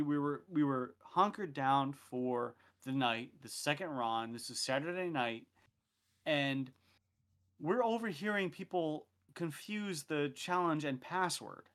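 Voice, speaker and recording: Animated, profane male storyteller. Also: fairly high pitch, clean tone. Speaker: podcast guest recounting field exercise. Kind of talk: casual storytelling.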